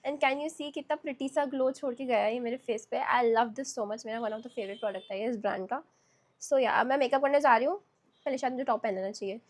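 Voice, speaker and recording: A woman vlogger with a hoarse voice, talking in a chatty, animated way at home. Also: a little high, a little fast. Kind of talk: casual storytime vlog. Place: at home, indoors.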